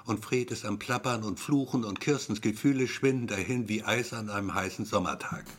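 A man's voice: on the low side, a little fast, breathy edge. A man reading a story aloud in a wry, repetitive storytelling manner. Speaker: narrator.

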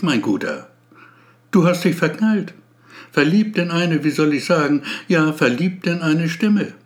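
A man voicing a woman gallery owner in a read-aloud story, blunt and teasing. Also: on the high side.

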